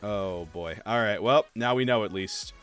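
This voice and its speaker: A young man chatting casually on a game livestream, answering viewers and filling pauses with "like" and "uh". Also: lowish voice, fairly bright tone, faint music behind. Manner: chatty, reads and answers chat, many fillers. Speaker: streamer. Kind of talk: casual livestream chat while playing.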